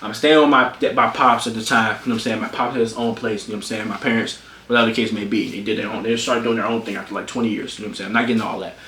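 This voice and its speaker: A young man in his twenties, a streamer, telling a story in a casual, animated way, swearing freely, his voice jumping high when he gets worked up. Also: very fast, hardly any pauses, slight background noise. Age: 20s. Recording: roomy echo.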